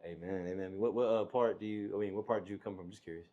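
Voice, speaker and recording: A man's voice: fairly low pitch, fairly even intonation, quick pace, dark tone, muffled recording. A young man from the US South with Nigerian roots, co-hosting a casual interview in a laid-back way. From Nigerian heritage, raised in the US South. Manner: laid-back, lots of "man" and "you feel me". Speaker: co-host.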